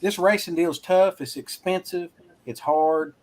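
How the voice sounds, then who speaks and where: A man's voice: high voice, measured pace, a little mellow. A man from Arkansas, a racing school instructor, talking casually as a guest and rambling with restarts. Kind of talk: casual interview talk.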